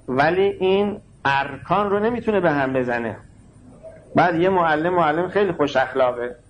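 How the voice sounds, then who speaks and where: A man giving a sermon that explains scripture, with emphatic delivery that moves between slow stressed words and quick asides. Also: on the high side, a little hiss or hum, rough recording. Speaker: religious lecturer.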